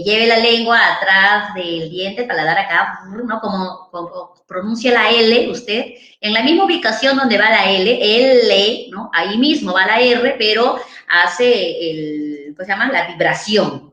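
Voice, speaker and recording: A woman's voice: medium pitch, fairly bright tone. A woman, a psychologist giving an informal seminar and answering questions in a conversational way, often ending phrases with tag questions. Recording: echoey room.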